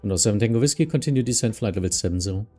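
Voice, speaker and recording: A man's voice: lowish voice, lively intonation, racing, warm tone, soft background music. A man with a German accent streaming as an air traffic controller, mixing radio phraseology with casual remarks.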